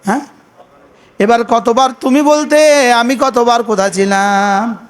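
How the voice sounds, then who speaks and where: A man preaching a sermon, firing repeated questions at his listeners and reciting Arabic prayers slowly. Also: very high-pitched, steady tone. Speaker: Islamic preacher.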